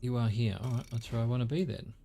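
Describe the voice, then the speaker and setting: A man's voice: mid-range voice, steady tone, quick pace, creaky, warm tone. A man gives casual gameplay commentary in a wry, sweary way, talking back to the game. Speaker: gamer commentating on own play.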